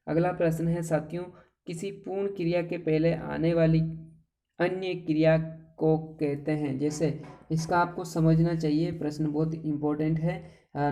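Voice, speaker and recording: A male teacher walks through an exam-prep grammar lesson in a mellow, dark-toned voice. His pitch stays level and flat throughout. He keeps it chatty, tossing out playful asides and rhetorical questions to his viewers. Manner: chatty, addresses viewers as friends and brothers.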